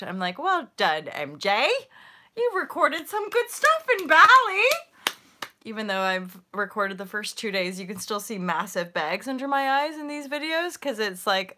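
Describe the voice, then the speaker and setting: A woman talks to her live-stream viewers in a loose, rambling way, full of "like" and the odd swear word. Her voice is bright and forward, and she bubbles with giddy energy at a middle pitch. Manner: rambling and giddy, swearing freely, many "like" fillers. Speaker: channel host and founder. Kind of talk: casual live-stream chat.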